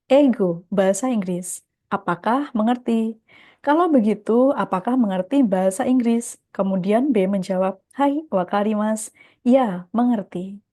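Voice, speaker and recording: A woman's voice: on the high side, dark tone. A woman teaching a beginner Japanese lesson, patiently explaining textbook dialogues word by word and reading out Japanese phrases.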